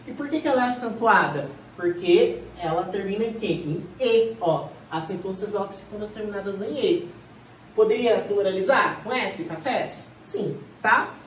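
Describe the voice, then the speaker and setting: A woman teacher giving an exam-prep grammar class, voice carrying from across an echoing classroom. She keeps posing questions to her students and answering them herself, with a lively, talkative rhythm. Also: medium pitch, normal speed, a little hiss or hum. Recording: echoey room, voice from far off.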